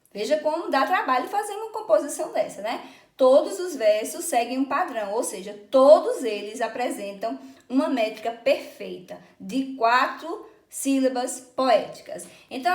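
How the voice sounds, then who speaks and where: A woman's voice: a little high, reverberant. A woman teacher, patiently explaining a lesson and checking often that her students follow. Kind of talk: recorded online lesson.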